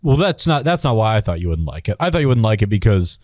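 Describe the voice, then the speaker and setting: A man with a mid-pitched voice that moves a lot, talking in a relaxed, wry way and leaning on fillers. He is a guest in a casual podcast chat, recorded close with a dry sound. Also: fast, dry recording. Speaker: guest comedian.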